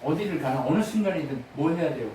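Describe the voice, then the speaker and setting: A high-pitched man preaches in a church, peppering the congregation with questions and crying out brief pleading prayers. His voice comes from some distance off the mic. Heavy reverb fills the big room, with a faint murmur behind him. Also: animated, quick pace, dark tone, a little hiss or hum. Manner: acts out short pleading prayers in a raised voice. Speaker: pastor. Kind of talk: sermon. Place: church sanctuary. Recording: very echoey church hall, voice from a distance.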